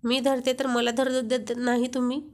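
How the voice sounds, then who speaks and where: A woman's voice: sits high, little pitch movement, normal speed, a little mellow, natural voice. A woman voicing a shy young wife who flares up and gets flustered at her husband's teasing. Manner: coy, flustered.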